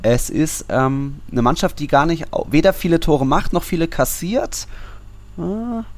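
A man with a fairly high but darkish voice speaks at a measured pace. Hosting a football podcast, he enumerates results and statistics in careful detail.

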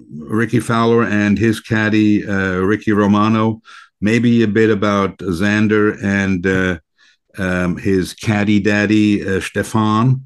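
A man hosting a radio talk show in a conversational style, with halting, deliberate phrasing. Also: lowish voice, smooth.

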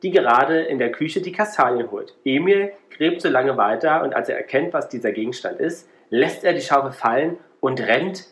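A man's voice: medium pitch, animated, moderate pace, hardly any pauses, a bit bright. A man in a casual podcast reading a short spooky story aloud, raising his voice for the children's lines. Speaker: podcast host.

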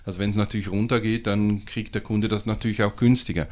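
A man with a Swiss German accent, a comic shop owner talking casually as a podcast guest, animated and full of fillers and restarts. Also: lowish voice, quick pace. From Switzerland.

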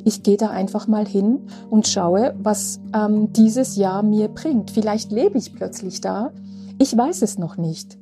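Slow, dark-voiced woman nearing sixty. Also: mid-range voice, faint music behind. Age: 50s. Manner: slow, reflective, with frequent asking "ja?". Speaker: podcast host. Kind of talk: spiritual podcast monologue.

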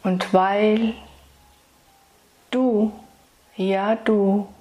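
A woman speaking as a spiritual meditation guide, soothing and intimate, addressing the listener solemnly and tenderly with long pauses. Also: mid-range voice, flat delivery, warm tone, rough recording. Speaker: spiritual meditation guide delivering channeled messages.

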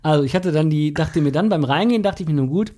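A man, telling a funny anecdote as a podcast co-host, animated and full of laughs. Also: a little high, quick pace. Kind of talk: casual storytelling chat.

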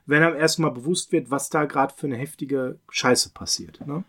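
A man's voice: medium pitch, moderate pace, fairly bright tone. A middle-aged man co-hosting a podcast, chatting casually and emphatically about films with slangy enthusiasm. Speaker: podcast co-host.

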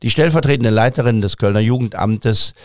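A man's voice: medium pitch, brisk, dry recording, studio quality. A man hosting a news podcast, presenting scripted news.

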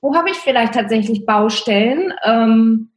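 A woman's voice: fairly high pitch, lively intonation, a little slow. A woman speaking as an interview guest in casual conversation, reflective and thinking aloud with many fillers. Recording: roomy echo.

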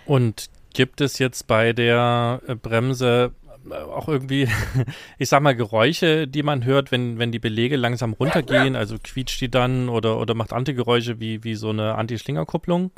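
A man's voice: medium pitch, fairly even intonation, moderate pace, dry recording. A man hosting a podcast, summing up for his listeners and asking his guest follow-up questions in a casual way. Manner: addresses listeners directly, sums up and asks questions. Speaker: podcast host.

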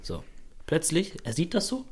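A man's voice: fairly high pitch, moderate pace, slightly rough. A young man, a podcast host, telling an anecdote in a casual chat, using slang and filler tags. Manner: animated storyteller with youthful slang and many filler tags.

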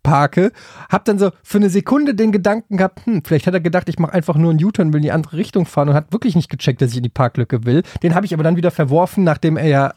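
Frankfurt guy rambling thru a story on a podcast, bit high voice, dry close mic. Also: quick pace, dark tone, no room sound. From Frankfurt, Germany. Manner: rambling, with many restarts and hesitations, getting worked up as the story builds. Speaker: podcast co-host. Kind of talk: casual storytelling chat.

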